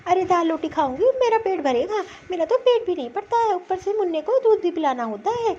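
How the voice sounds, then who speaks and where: Very high-voiced sad young new mom done by a woman, whiny and worn out, kinda dull lo-fi audio. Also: very animated, brisk, warm tone. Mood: self-pitying. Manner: plaintive, self-pitying complaining. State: weak and sore after childbirth. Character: weak young new mother, tearful and put-upon. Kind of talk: cartoon story voicing. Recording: slightly dull lo-fi recording.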